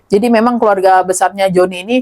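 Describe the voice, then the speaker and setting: A woman's voice: medium pitch, fast talker. Middle-aged woman telling her story. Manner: animated, acts out quoted dialogue. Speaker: guest. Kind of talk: casual storytelling interview.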